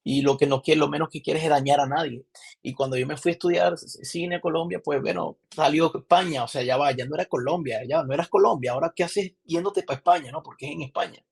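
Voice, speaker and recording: Gravelly-voiced Venezuelan man telling stories. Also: a little high, quick pace. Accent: Venezuelan, Maracaibo. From Venezuela, Zulia. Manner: animated storyteller, many restarts. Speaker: podcast guest, film director. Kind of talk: casual interview chat.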